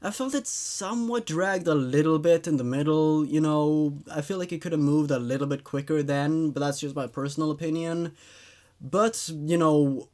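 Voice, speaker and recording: A man with a slightly high, somewhat dark voice hosts a horror story show. He reads the tales aloud with dramatic narration, then shares his thoughts in a laid-back way.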